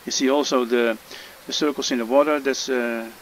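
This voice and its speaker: Here a Dutch man with a noticeable accent explains a fishing game at a moderate pace, his medium-pitched voice fairly even in intonation. The casual tutorial is peppered with fillers and pauses, captured on a rough recording with slight background noise.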